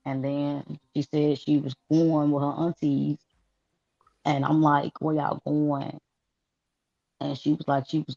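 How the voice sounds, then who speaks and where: A woman, a bereaved mother, slowly recounting her daughter's last day on a live-stream interview. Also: low voice, vocal fry, no echo. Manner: halting, soft-spoken recounting. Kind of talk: emotional personal account. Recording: dull lo-fi stream audio.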